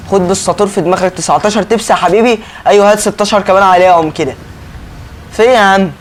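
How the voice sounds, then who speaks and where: A young Egyptian man talks his way through a driving game, chatty and joking, flaring into mock anger at stingy passengers. His voice sits high for a man. Faint ambience hums underneath. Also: slight background noise. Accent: Egyptian Arabic. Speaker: gaming YouTuber. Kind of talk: casual gameplay commentary.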